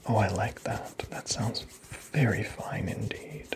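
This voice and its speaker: A man playing a teasing, vain Santa Claus in an ASMR roleplay, murmuring slowly in a breathy whisper. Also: on the low side, natural voice. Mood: soothing, chatty.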